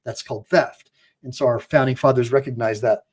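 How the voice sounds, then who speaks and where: A man who is an attorney speaks briskly to his livestream audience in a steady, mid-range voice that is a little mellow with a breathy edge. Casual and direct, he reads the chat aloud and emphatically repeats himself amid fillers and restarts.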